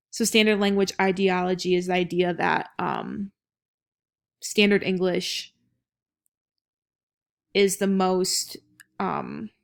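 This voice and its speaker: A woman's voice: mid-range voice, vocal fry. A young adult American woman giving an informal academic presentation as a student, somewhat hesitant and partly reading aloud.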